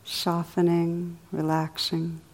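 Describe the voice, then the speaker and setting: A woman leading a guided meditation in a soothing, unhurried way, with soft, drawn-out phrasing. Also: fairly low pitch, completely flat delivery. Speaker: meditation teacher.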